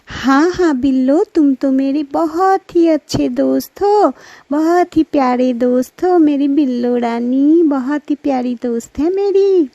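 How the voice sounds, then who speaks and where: A sweet, kind young girl from a children's cartoon talks excitedly in a very high voice, as a woman acts her out. The tone is mellow and the recording is dry. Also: measured pace, creaky, dry recording, muffled recording. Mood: affectionate.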